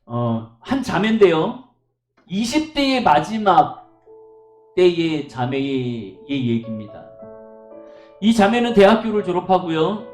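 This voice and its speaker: A man's voice: high voice, sing-song, slow pace, long pauses, darkish tone, echoey room, soft background music. A male pastor preaching a sermon at a church service, telling stories emphatically and asking the congregation rhetorical questions.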